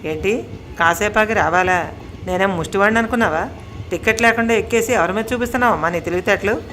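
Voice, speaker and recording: A woman's voice: medium pitch, fast talker, a bit bright, slight background noise, close to an everyday voice. A woman voicing a brusque male ticket collector who speaks curtly and officiously in a storybook tale. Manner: curt, officious.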